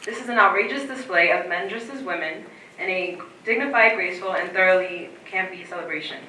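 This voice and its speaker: A woman's voice: fairly low pitch, fairly quick, bright, forceful tone, slight background noise. A young woman student presenting a prepared introduction to a performance. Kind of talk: reading a prepared talk. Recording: roomy echo, distant from mic.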